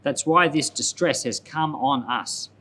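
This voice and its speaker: A man's voice: medium pitch, unhurried, bright, forceful tone, slight background noise. A man voicing humble, anxious brothers in a scripture story, earnest and deferential. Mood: anxious, dismayed. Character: anxious, pleading group of brothers, humble grown men.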